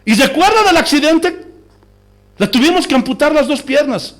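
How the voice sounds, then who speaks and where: A man's voice: very high voice, lively intonation, normal speed, a bit bright. A male pastor preaching a sermon in a church, asking the congregation rhetorical questions. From Bolivia.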